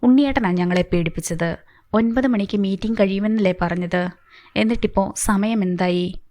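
A woman's voice: mid-range voice, normal speed, mellow, lightly acted. A woman reading as a worried probing wife. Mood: upset. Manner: pleading, probing. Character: worried wife and mother, questioning and insistent.

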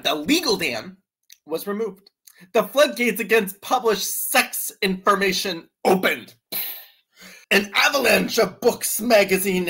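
A man's voice: sits high, sharp tone, slightly rough. A man co-hosting a podcast, reading a book aloud with playful, theatrical emphasis and frequent giggles. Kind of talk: casual chat and mock-dramatic reading.

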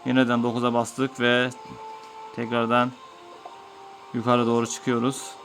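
A man's voice: medium pitch, completely flat delivery, measured pace, a bit bright, soft background music. A man giving let's-play commentary, patiently explaining each step of an old game to his viewers. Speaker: gaming YouTuber.

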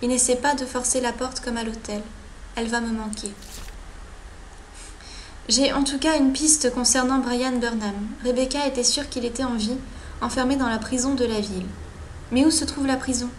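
A woman's voice: a little high, fairly even intonation, moderate pace, a little hiss or hum. A woman commenting on a video game playthrough, reading the in-game journal aloud and stumbling over words at times. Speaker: let's play host.

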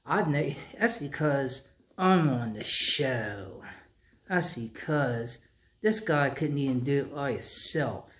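A man's voice: mid-range voice, animated, fairly bright tone, slight background noise. Man doing a cocky, drawling ventriloquist dummy boy. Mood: boastful. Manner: boastful, argumentative, drawn-out speech. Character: cocky bickering boy ventriloquist dummy, self-proclaimed star.

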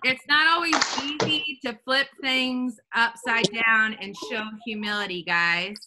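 Slow, upbeat woman leading a kids' class. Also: fairly high pitch, fairly even intonation, background noise. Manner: upbeat, directs children by name. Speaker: children's Sunday school teacher. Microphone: video call.

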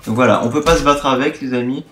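An eighteen-year-old man hosts a gaming video, chatting casually and bursting into excited exclamations. His voice sits in a middle pitch in a roomy space, with keyboard clicks faintly behind. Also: fast talker, slight background noise. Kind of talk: casual let's-play commentary.

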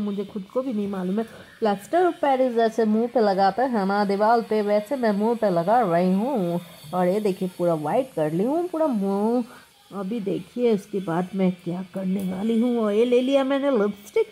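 A young woman from India, chatting casually to her viewers as she walks them step by step through her prep, with quick excited exclamations. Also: medium pitch, slight background noise. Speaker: prank vlogger. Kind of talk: casual vlog narration to camera.

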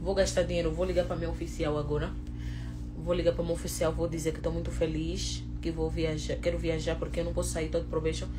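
A woman chatting casually on a livestream, excitable and preachy, swinging from low murmurs to loud encouragement. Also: fast, music in the background. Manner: excitable, switches from murmuring to shouting. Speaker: vlogger.

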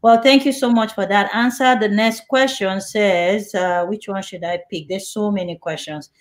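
Hosting a church interview online by video call, this woman has a mid-range, steady voice and a moderate pace. She reads out questions from viewers, offers warm laughs and affirms what's said.

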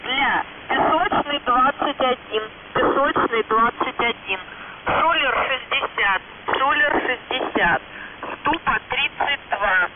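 A woman reading radio call signs over a walkie-talkie, slowly and deliberately, saying each one twice. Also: a little high. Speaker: radio operator. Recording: tinny, distant radio transmission with hiss.

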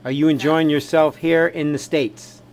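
A man's voice: fairly high pitch, steady tone, normal speed, darkish tone, slight background noise. A man filming an upbeat, friendly walkthrough of a small cafe's new menu on a handheld camera. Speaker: cafe host filming a menu tour. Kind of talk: casual promotional walkthrough. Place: small cafe indoors.

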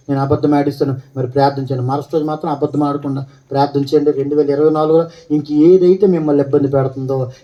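Male pastor, sermon, fairly high voice, repeats phrases, shouted blessings. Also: lo-fi sound. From India. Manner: rhetorical questions, calls for amen, repeated phrases.

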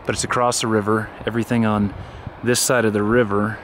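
A man's voice: fairly low pitch, brisk, a little hiss or hum. Man narrating an outdoor property tour. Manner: relaxed, enthusiastic, pointing out landmarks. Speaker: real estate video tour narrator. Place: outdoors on a rural lot and riverside.

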